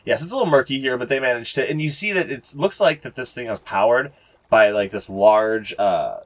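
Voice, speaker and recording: A man's voice: medium pitch, brisk, a bit bright. A young man narrating a tabletop game as game master, rambling with many fillers and casual swearing. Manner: rambling, lots of fillers, profane.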